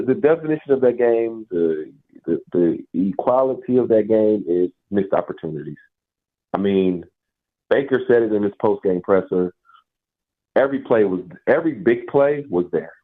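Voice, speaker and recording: A man calling in to a sports radio show over a phone line, venting in a casual, emphatic way. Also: medium pitch. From Nashville area, US South. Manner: emphatic, frustrated fan venting. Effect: caller heard over a phone line. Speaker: call-in radio caller. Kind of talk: casual call-in sports talk.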